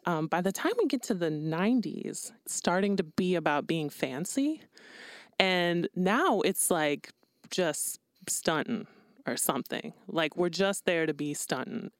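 Woman co-host with a creaky, low voice, musing out loud in a casual way. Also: no room sound. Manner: reflective, rambling with fillers like "like" and "um". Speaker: podcast co-host. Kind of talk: casual podcast conversation.

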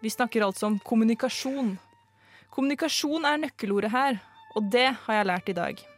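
A woman's voice: on the high side, close to an everyday voice. A woman playing a theatrical male amateur sleuth who speaks in an earnest, dramatic, speechifying way, in a live comedic radio play.

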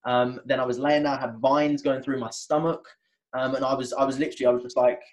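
Man telling a personal story. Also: mid-range voice. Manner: animated retelling, acting out his own past words; halting, many restarts and fillers. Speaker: interview guest, wellness coach.

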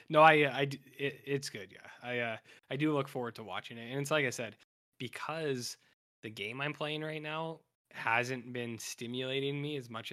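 This podcast co-host rambles casually about a TV show, stumbling through fillers and restarts. His mid-range voice is raspy and hoarse from talking, with a bright, forceful tone.

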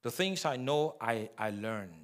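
A man's voice: mid-range voice, animated, slow pace. Emphatic preaching pastor, man. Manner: emphatic, calls for amens. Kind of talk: sermon with live interpreter.

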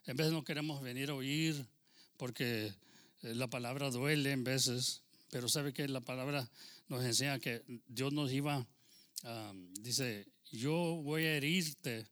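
A man's voice: mid-range voice, measured pace, fairly bright tone. A man from Texas with a Texan Spanish accent preaching a sermon in church, fervent and rising in volume when quoting scripture, with frequent amens. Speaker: pastor.

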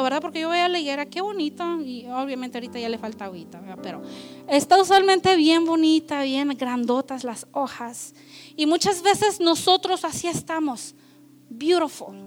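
A woman preaching a conversational sermon, mixing in English phrases. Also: sits high. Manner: switches between Spanish and English, conversational and lively.

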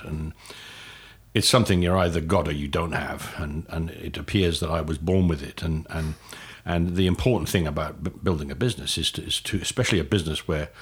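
An older man from Wales answering interview questions in a halting way, with many restarts and fillers. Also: sits low, breathy edge. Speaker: guest.

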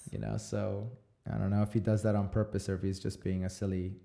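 Podcast host, man, thirties, low mellow voice, easygoing rambling chat. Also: fast talker, gravelly. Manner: relaxed, rambling, swears casually. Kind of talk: casual conversation.

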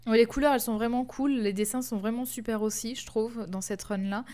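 A woman's voice: fairly high pitch, steady tone, a little fast, darkish tone. A woman co-hosting a casual chat, explaining a comic series with many fillers and restarts. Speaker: podcast co-host.

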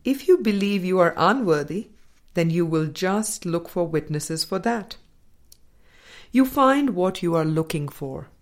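A woman reads a spiritual self-help book aloud from a script, her voice sitting slightly low for a woman. She is expressive and unhurried, working through every sentence very slowly and deliberately.

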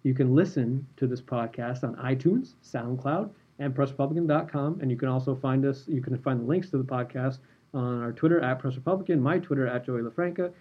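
A man hosting a podcast, telling a story in a relaxed, animated way. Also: medium pitch, a little fast, slightly rough, highs cut off. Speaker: podcast host and former sports reporter.

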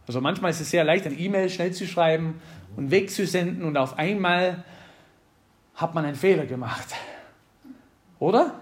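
High-voiced man preaching casually. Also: normal speed, pauses often. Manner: conversational, jokes with the congregation. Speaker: pastor. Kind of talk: sermon.

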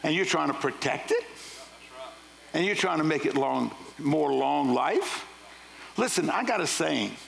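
A man's voice: fairly high pitch, animated, measured pace, gravelly, pauses often, poor audio. A man preaching a sermon, firing rhetorical questions and casual asides at his congregation. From Louisiana. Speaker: pastor.

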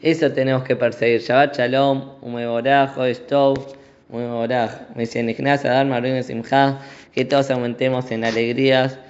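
A man's voice: medium pitch, little pitch movement, moderate pace. A man with a Rioplatense accent giving an earnest, emphatic sermon as a rabbi and weaving in Hebrew terms. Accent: Rioplatense Spanish. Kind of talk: sermon with a parable. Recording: roomy, slightly dull recording.

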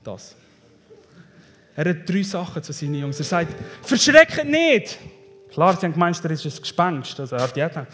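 A man preaching a sermon with a Swiss German accent, animated, swinging between loud declarations and hushed asides. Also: a little high, brisk, faint music behind. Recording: long hall reverb.

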